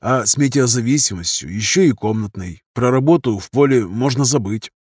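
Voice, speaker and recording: A man's voice: mid-range voice, expressive, brisk, a little mellow, breathy edge. Man narrating a novel. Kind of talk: audiobook narration.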